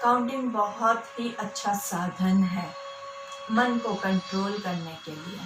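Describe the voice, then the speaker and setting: A woman yoga instructor leading a guided breathing class, calmly counting each breath in and out. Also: mid-range voice. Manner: calm slow counting of breaths, mixing Hindi and English. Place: care center hall. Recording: roomy, from far off, with music.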